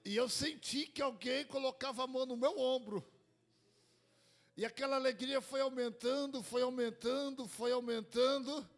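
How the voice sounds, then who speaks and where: A man's voice: very high-pitched, fairly even intonation, normal speed. A man from Brazil, a pastor, preaching a sermon and telling a personal testimony, repeating phrases for emphasis.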